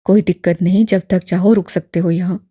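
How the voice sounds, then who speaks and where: A woman voicing a kindly elderly male imam who speaks in a steady, balanced, fatherly tone, deeper and fuller than her own voice. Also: fairly quick, dry recording, studio quality, lightly acted. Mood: gentle. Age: older.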